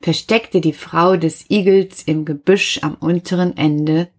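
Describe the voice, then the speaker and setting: A woman reading a children's story aloud, gentle and animated, speaking directly to young listeners. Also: lowish voice, a little slow.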